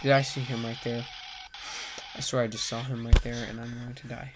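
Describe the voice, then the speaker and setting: A man's voice: medium pitch, flat delivery, brisk, background noise. A man playing a horror game and talking over it in rambling, self-mocking commentary, easily frustrated. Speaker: gaming video host. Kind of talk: let's play commentary. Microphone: desk mic with face cam.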